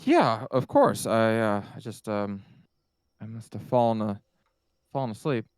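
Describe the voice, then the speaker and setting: Casting: man doing a flustered young woman, hesitant, smooth voice, dry close sound. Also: lowish voice, lively intonation, measured pace, dry recording. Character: confused young woman in a dream.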